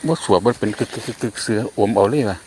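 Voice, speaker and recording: Isan-accented fishing vlogger, low voice, excitable calls, crickets buzzing behind. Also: male voice, fast talker. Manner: excitable, loud exclamations while fishing. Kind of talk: casual outdoor commentary. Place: outdoors by natural water. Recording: outdoor insect noise. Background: crickets and insects.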